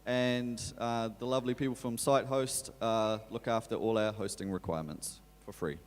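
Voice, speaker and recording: A man's voice: mid-range voice, fairly even intonation, moderate pace. Wry New man in an echoey hall. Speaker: conference organiser and presenter. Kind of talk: informal stage announcements. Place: on stage in a hall. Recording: echoey hall, faint hum and crowd.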